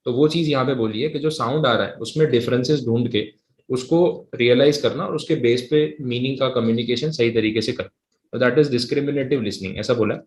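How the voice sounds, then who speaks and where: Guy teaching a live class, chatty explaining then slow dictation, kinda echoey room, mid pitch. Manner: reads definitions slowly and dictates them word by word; switches between conversational talk and English reading.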